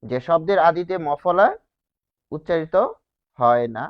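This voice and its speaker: A man teaching a grammar lesson, posing rhetorical questions and answering them, stretching key words slowly. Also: on the high side, clean tone. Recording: dull lo-fi sound.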